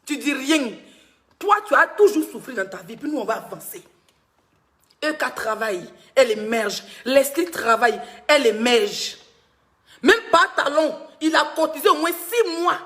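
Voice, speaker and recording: A woman's voice: high voice, lively intonation, normal speed, a bit bright. A woman blogger, giving teasing gossip commentary on a live stream and laughing often.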